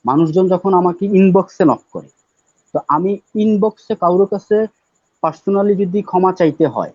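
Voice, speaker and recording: Guy talking loud n emphatic, highish voice, dry muffled sound. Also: unhurried, dry recording. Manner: loud, emphatic, repeats himself for stress. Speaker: guest poet. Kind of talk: live talk show conversation. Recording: dull, dry lo-fi audio.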